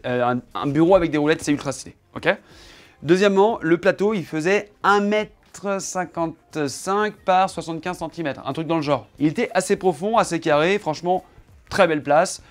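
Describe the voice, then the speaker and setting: A man's voice: fairly high pitch, a little fast. A man in his home office chatting casually to camera, showing off his setup and teasing his cameraman in a playful, joking way.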